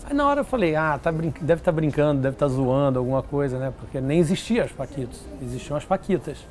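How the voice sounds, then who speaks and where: A man telling stories in an interview, lively and acting out what others said. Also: on the high side, fast, a little hiss or hum. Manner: animated, acts out quoted voices. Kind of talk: casual storytelling interview.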